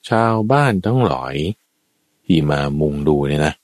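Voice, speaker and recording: A man preaching a Buddhist sermon as a lively story, addressing his listeners and acting out the characters. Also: moderate pace, dry recording. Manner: lively storyteller, acts out quoted characters with sudden high shouts. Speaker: dharma preacher.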